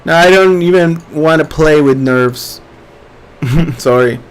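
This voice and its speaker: A man's voice: a little high, slow pace, clear, resonant tone. A man hosting a casual live webinar, reading viewer questions aloud and answering them loosely with many fillers. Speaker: webinar host.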